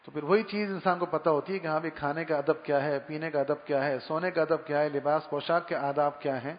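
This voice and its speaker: A man's voice: a little high, steady tone. A man giving a conversational Islamic sermon on manners, telling stories and imitating everyday sounds as he goes. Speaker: Islamic preacher. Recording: dull recording in a long-reverb hall.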